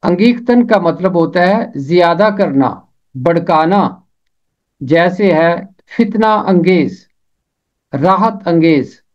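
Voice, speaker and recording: A man teaches the pronunciation of words. He speaks slowly and deliberately, repeating each term with care. The recording sounds a little dull and lo-fi. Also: on the high side, a little mellow. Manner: slow, deliberate, repeats each word carefully. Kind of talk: scripted lesson on word pronunciation and meaning.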